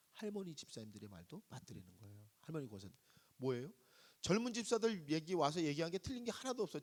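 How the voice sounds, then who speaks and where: A man's voice: a little high, a little mellow. A middle-aged man preaching a sermon, telling a story and asking the congregation questions, acting out the voices of the people in it. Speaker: guest pastor preaching at a revival service.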